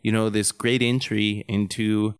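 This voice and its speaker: A man's voice: lowish voice, measured pace, smooth, no room sound. A man co-hosting a casual gaming podcast, telling anecdotes with lots of "like" and some swearing. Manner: animated storyteller, swears, says "like" often. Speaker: podcast co-host.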